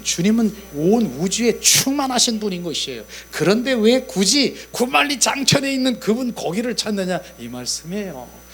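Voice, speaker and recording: A man's voice: high voice, slight background noise. A male pastor giving a conversational sermon, repeating key phrases and acting out prayers in an intimate tone. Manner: acts out prayers in an intimate, whispering tone.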